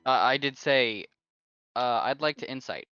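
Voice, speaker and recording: A man's voice: mid-range voice, animated, unhurried, pushed and bright, smooth, dry recording, soft background music. A man playing in a tabletop game, blunt and matter-of-fact in his requests. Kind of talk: casual chat at a game table. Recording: dull lo-fi mic.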